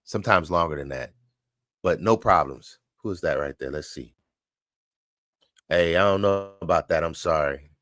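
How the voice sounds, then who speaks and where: A man hosting a casual livestream, chatting and answering viewers' dog training questions, relaxed and repeating his points. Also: deep voice, moderate pace, pauses often, no echo.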